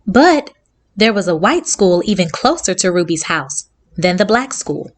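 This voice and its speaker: Hosting a children's read-along, a woman reads aloud and speaks to young listeners in simple, clearly phrased sentences. Her medium-pitched voice is very animated, though her pace stays measured.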